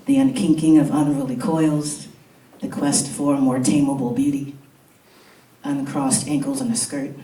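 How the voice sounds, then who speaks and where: A man's voice: medium pitch, mellow. A man performing spoken-word poetry with rhythmic, emphatic repetition, chatting loosely between poems. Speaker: poet. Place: college event room. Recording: echoey room, distant mic, faint hiss.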